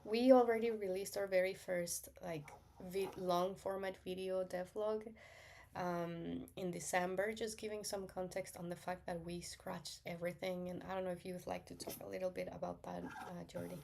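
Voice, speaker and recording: A woman's voice: fairly low pitch, little pitch movement, moderate pace, gravelly, warm tone, a little hiss or hum. A woman hosting a casual livestream, welcoming viewers and talking hesitantly with many fillers. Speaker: livestream host.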